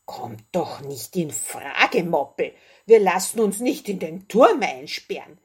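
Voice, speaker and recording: A woman's voice: on the low side, a little slow, breathy edge, exaggerated voice. A woman voicing a brave, spirited little princess in a story read aloud. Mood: defiant. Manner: bold, lively.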